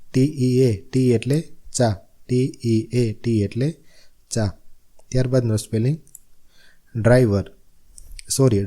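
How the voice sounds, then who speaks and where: Dark-voiced man spelling out words. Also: mid-range voice. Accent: Gujarati. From Gujarat, India. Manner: spells words out letter by letter, repeats each meaning. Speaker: teacher. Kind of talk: spelling lesson.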